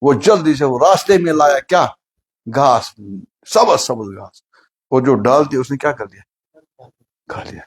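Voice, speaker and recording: This Islamic preacher speaks with a husky, medium-pitched voice and takes long pauses. His sermon includes a comic story whose characters he acts out, and he poses questions to the listeners.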